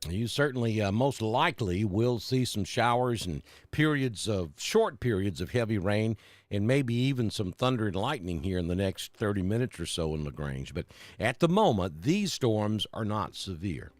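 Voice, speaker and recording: A man's voice: fairly low pitch, big pitch swings, normal speed, dry recording. A middle-aged man from Alabama, chatting casually on a live weather stream and greeting viewers by name. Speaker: weather broadcaster.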